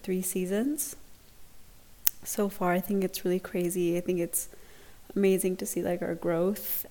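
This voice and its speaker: A woman's voice: fairly low pitch, creaky, mellow, rough recording. A young woman giving a casual solo podcast update in an awkward, hesitant, self-conscious way, recorded on earphones in a dorm lounge. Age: young adult. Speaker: podcast host. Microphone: laptop recording with earphone mic.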